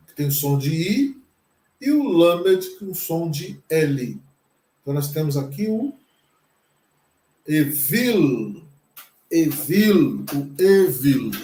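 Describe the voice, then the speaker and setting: Slow, patient Brazilian man teaching. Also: fairly high pitch, a little mellow, reverberant. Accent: Brazilian Portuguese. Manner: patient, repeats each word several times. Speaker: pastor teaching Hebrew. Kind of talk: slow classroom lesson.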